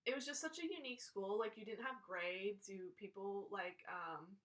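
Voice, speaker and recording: A woman's voice: medium pitch, moderate pace, a bit bright. An American woman chatting casually in an emphatic, rambling way, drifting off on tangents. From United States, Georgia and Connecticut. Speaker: vlogger. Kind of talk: casual rambling personal chat. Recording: slightly distant microphone.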